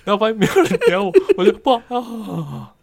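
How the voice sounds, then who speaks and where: Co-host with lively intonation. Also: male voice, high voice, brisk, gravelly. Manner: good-natured, protesting banter. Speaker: podcast co-host. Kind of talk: casual chat.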